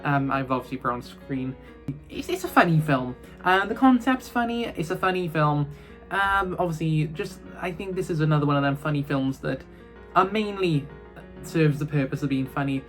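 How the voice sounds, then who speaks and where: A man's voice: a little high, animated, normal speed, faint music behind. A man reviewing films in a casual, rambling chat, full of fillers and restarts. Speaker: film reviewer.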